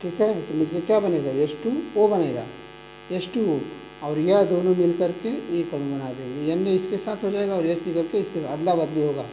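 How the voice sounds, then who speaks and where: A chemistry teacher explains a lesson slowly and repetitively, spelling out formulas letter by letter. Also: mid-range voice, dark tone, a little hiss or hum, poor audio. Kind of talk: classroom-style lesson explanation.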